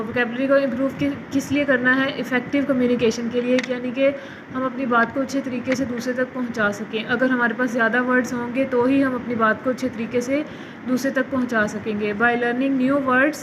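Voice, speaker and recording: A woman teacher giving an online English lesson. She reads English words slowly and carefully, then explains them in Urdu-Hindi. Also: fairly high pitch, background noise. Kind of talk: online class lecture.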